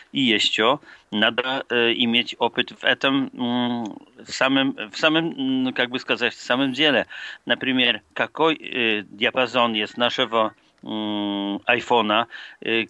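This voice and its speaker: A man with a Polish accent speaks as a phone-in caller in a bright, tense voice. He talks haltingly, searching for words in a second language. The sound is close and dry. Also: medium pitch, no room sound, highs cut off. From Poland. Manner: halting, searching for words in non-native Russian. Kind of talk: live radio call-in conversation.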